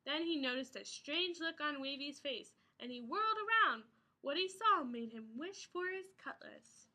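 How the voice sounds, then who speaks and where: A woman's voice: high-pitched, animated, moderate pace, bright, forceful tone. A woman reading a picture book aloud to a child in a dramatic, sing-song way, with exclamations.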